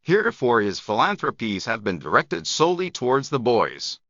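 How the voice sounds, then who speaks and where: Male storybook narrator, bright and crisp-edged, lively intonation, phrase-by-phrase delivery, dry but slightly dull recording. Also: medium pitch, dry recording. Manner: measured phrase-by-phrase delivery with long gaps. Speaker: narrator of English shadowing practice. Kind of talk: scripted audiobook narration.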